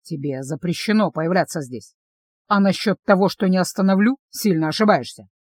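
A woman reading aloud voices a smug male dragon bodyguard who mocks and scolds in a lowered, calm voice. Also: normal speed, husky. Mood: stern.

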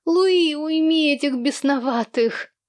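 A woman's voice: medium pitch, unhurried, a little mellow, dry recording. A woman voicing an ailing, irritable pregnant woman who groans and shrieks her demands. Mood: shrieking.

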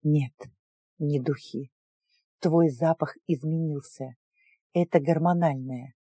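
A woman playing a calm, gently teasing alien man, the narrator's protective fiancé, speaking low and soft. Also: slow, husky, dry recording, clean studio sound, full character voice. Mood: gentle.

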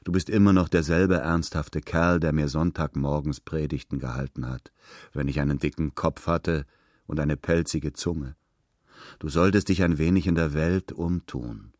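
A man's voice: a bass voice, normal speed, a little mellow, no echo, clean studio sound. A man voicing a jovial, hard-drinking middle-aged male journalist who teases his old friend. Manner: jovial, teasing.

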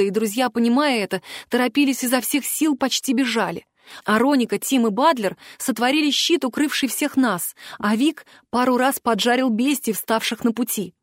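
A woman narrating a first-person fantasy audiobook in an expressive, emotional way. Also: on the high side, no echo, clean studio sound.

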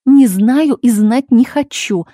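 A cold, touchy older mother, as a woman reader puts her on snaps back in raised, indignant bursts, pitched higher than the narration around her. The tone stays dark and mellow. It is recorded dry and close, with no room sound. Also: animated, measured pace, no room sound. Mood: defensive.

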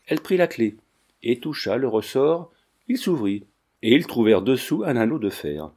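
A man reading a classic novel aloud with a measured storytelling cadence. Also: mid-range voice, very animated, a little mellow, slightly rough. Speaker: audiobook reader.

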